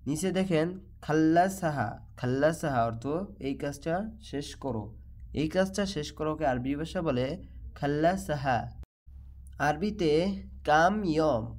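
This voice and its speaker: A man with a Bangladeshi Bengali accent teaching a language lesson, repeating each phrase slowly and deliberately. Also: fairly high pitch. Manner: slow, repetitive drilling of phrases. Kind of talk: slow spoken language lesson.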